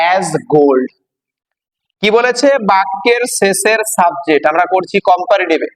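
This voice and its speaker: A man teaching English grammar, slowly spelling words out letter by letter and stressing each step. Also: high-pitched, fairly bright tone, in a large hall, poor audio. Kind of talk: classroom-style grammar lesson.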